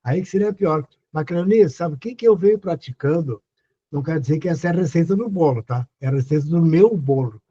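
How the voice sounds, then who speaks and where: Older host, husky and mellow, earnest advice talk, dull lo-fi sound. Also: male voice, a little high, lively intonation, fairly quick. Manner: earnest, repeats questions to the listener. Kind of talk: casual advice talk on a live stream.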